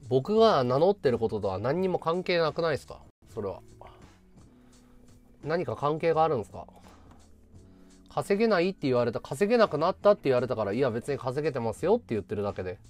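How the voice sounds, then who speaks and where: A man's voice: mid-range voice, sing-song, brisk, long pauses, soft background music. A man livestreaming in casual chat, answering viewer comments with sarcastic, combative ranting.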